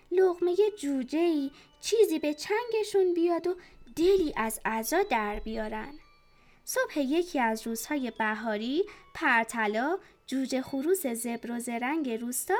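A woman narrating a children's story in a lively, expressive scripted telling. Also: high-pitched. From Iran. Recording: narration with soft background music.

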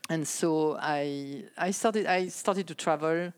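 Chatting casually on a podcast, this woman in her sixties from France recounts her life in a soft, hesitant way, punctuated by small laughs. Her French-accented voice sits low and sounds clear and resonant, and she speaks slowly.

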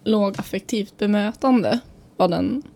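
A woman's voice: mid-range voice, gravelly. A young woman in her twenties, a podcast co-host recovering from a cold, chatting casually with many hesitations. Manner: hesitant, many fillers, trails off softly. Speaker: podcast co-host, psychology student. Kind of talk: casual chat.

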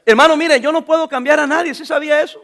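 A middle-aged man preaching a sermon, calling out to the congregation and reading scripture aloud with them. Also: very high-pitched. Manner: animated preaching, calls out to the congregation; reads scripture slowly with the congregation. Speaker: pastor.

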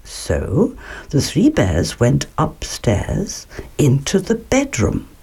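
Woman storyteller, slow and very expressive, reading a children's tale. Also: rumbling low. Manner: slow, expressive, clearly paced.

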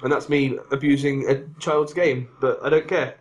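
A man co-hosting a podcast, chatting casually in a rambling, animated, self-mocking way. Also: medium pitch, moderate pace, rough recording. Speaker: podcast co-host. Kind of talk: casual chat.

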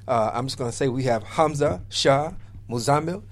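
A man's voice: mid-range voice, moderate pace. A man hosting a casual radio interview, often repeating words as he starts his phrases. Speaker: radio show host.

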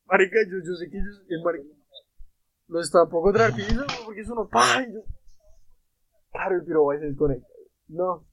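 Young guy, kinda high voice, hosts a podcast, swears nonstop, animated storyteller. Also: a little fast, pauses often, no echo, dull audio. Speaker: podcast host. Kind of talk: casual podcast chat.

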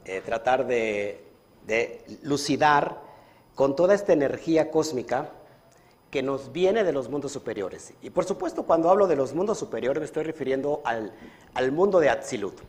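A man's voice: mid-range voice, expressive, normal speed, a little mellow. A man leading a livestreamed religious study lesson as a Kabbalah teacher, earnestly asking his audience questions and stretching out key words. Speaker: Kabbalah teacher and community leader.

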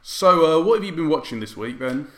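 A man's voice: a little high, lively intonation, brisk, fairly bright tone. A man co-hosting a casual film podcast, chatting with frequent restarts. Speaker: podcast co-host. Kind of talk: casual film review chat. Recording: echoey room.

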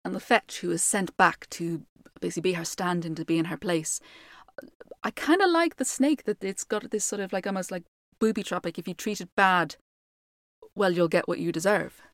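An Irish woman with a lilting accent tells a story to her listeners, mixing in informal commentary. Her voice sits on the low side, with lively intonation and a moderate pace, captured in studio quality with no echo.

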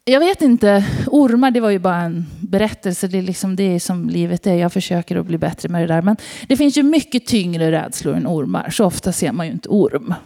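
Low-leaning, gravelly and dark in tone, this woman's animated voice barely pauses. She's a Swedish preacher giving an informal, conversational sermon, sharing personal stories and putting questions to the congregation.

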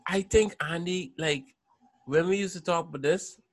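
A man's voice: on the high side, normal speed. A man hosting a casual sports talk show, arguing his opinions in slangy speech and repeating points for emphasis.

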